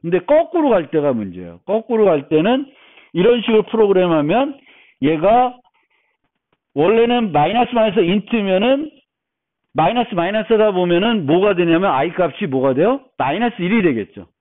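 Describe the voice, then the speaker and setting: A man's voice: high voice, big pitch swings, moderate pace. A male university lecturer giving a recorded programming lecture, explaining step by step with fillers and restarts. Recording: narrow phone-like audio.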